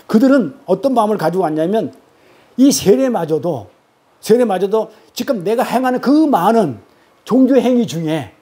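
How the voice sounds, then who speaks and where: A man's voice: sits high, expressive, moderate pace, mellow. A male pastor preaching a sermon in a conversational, emphatic way, firing off rhetorical questions. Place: church.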